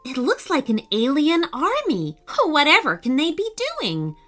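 A woman's voice: high-pitched, wildly swooping pitch, unhurried, bright, forceful tone, soft background music, voice pushed up, full character voice. A woman voicing an astonished female Triceratops friend in a children's story, speaking in a wide-eyed, exclaiming way. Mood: amazed.

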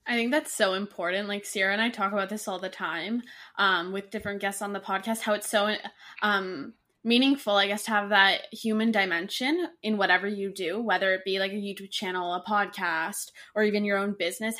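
A woman born in Canada co-hosting a podcast, talking with enthusiasm and a lot of "like". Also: mid-range voice. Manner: warmly enthusiastic, lots of "like". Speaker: podcast co-host. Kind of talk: casual podcast chat.

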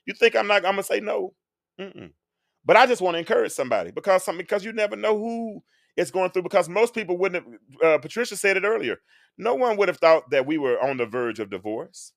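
A man's voice: high voice, lively intonation, a little fast, creaky, dry recording, studio quality. Earnest preacher-like man in his forties. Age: 40s. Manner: earnest, sermon-like, with sung phrases. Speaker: show host being interviewed. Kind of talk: live-stream talk, preacher-like.

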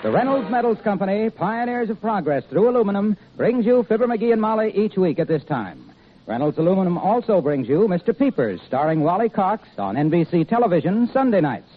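A man announcing and reading a persuasive commercial in a brisk 1950s radio style, heard from an old broadcast transcription disc. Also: sing-song, phone-quality sound, slight background noise. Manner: brisk, persuasive sales pitch. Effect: old broadcast disc recording.

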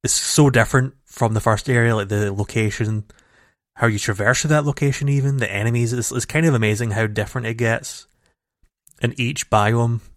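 A man with a mid-range voice co-hosts a casual gaming podcast at a normal speed, rambling on at length with many restarts and fillers. He's captured raw on a home computer mic over a call, with dry audio and no room sound.

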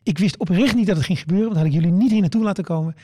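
This high-pitched, dark-toned man is a middle-aged stand-up comedian racing through stories in casual conversation, with no room sound. He keeps stammering and starting over, repeating words and performing the things he said.

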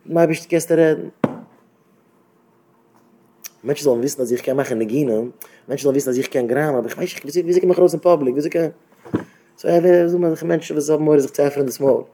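Mellow-voiced man giving a rambling talk. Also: on the high side, steady tone, fast talker. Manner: conversational, repetitive, with rhetorical questions. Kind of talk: informal Yiddish talk to young married men.

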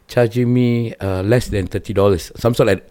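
A man's voice: fairly low pitch, steady tone, moderate pace, warm tone. A talkative Singaporean man hosting a casual chat, bantering in colloquial Singlish mixed with Malay and often repeating himself. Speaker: talk show host.

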